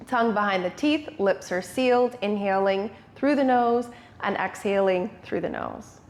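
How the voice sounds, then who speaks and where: A woman's voice: medium pitch, expressive, moderate pace, a little hiss or hum. A woman with a mid-range voice teaches a yoga breathing exercise. She speaks as an instructor, laying out each step in short, simple cues for the listener to follow. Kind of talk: guided breathing tutorial.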